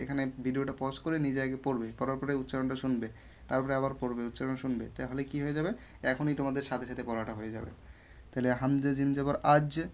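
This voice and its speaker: Patient man drilling syllables slowly. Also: mid-range voice, darkish tone. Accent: Bangladeshi Bengali. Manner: slow syllable-by-syllable drilling, repeated check-in questions. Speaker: Quran reading teacher. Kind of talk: patient spelling-out lesson.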